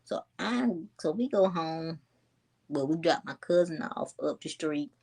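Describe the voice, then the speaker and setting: A young woman tells a story to her viewers in a low, easy voice. She is chatty and animated, speaking casually and calling her audience "y'all.". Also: unhurried, creaky. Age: 20s. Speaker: vlogger.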